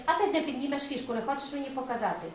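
High-voiced woman teacher, echoey classroom. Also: expressive, very fast, distant mic. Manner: patient, coaxing, praising pupils. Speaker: primary school teacher. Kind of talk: open classroom lesson. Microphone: distant camera mic. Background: faint room noise.

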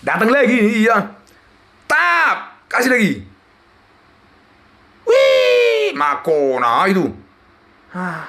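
A young man, giving loud, excited commentary on a slot game as he plays, swinging between yells and mutters. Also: sits high, measured pace. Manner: loud, shouting and exclaiming, jumpy swings between yelling and muttering.

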